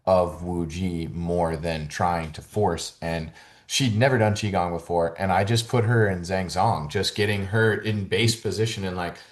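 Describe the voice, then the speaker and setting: A holistic fitness coach appears as a podcast guest in a casual conversational interview, rambling loosely with lots of "like" and "you know" and perking up when excited. His voice is deep and a little slow.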